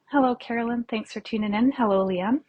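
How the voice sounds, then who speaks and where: A Canadian woman with a somewhat high voice speaks at a moderate pace, and the recording has its highs cut off. She's running a casual live papercraft tutorial from her craft room at home, chatting and rambling, greeting viewers by name and sounding slightly out of breath.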